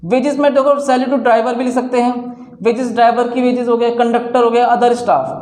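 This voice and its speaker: A man's voice: very high voice, little pitch movement, brisk, darkish tone. A man teaching a class, explaining step by step and posing questions to the students that he answers himself. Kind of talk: classroom lecture. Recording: roomy echo.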